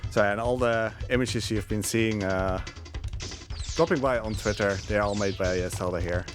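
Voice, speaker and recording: A speedrunner plays through a game while giving easygoing, conversational live commentary over the game music. His voice is fairly low and his speed normal.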